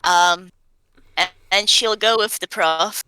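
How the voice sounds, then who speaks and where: A woman's voice: medium pitch, takes it slowly, sharp tone, clear, resonant tone, no room sound, poor audio. A woman playing a tabletop game, casually talking through what her character does. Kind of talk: casual chat, describing her character's actions.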